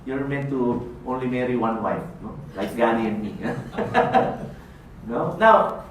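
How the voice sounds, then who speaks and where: Lively Filipino man in an echoey hall. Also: mid-range voice, slow pace. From Philippines. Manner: playful, asks the audience "no?" often, laughs. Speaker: network marketing speaker. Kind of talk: motivational seminar talk. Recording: echoey room, voice from far off, faint hiss.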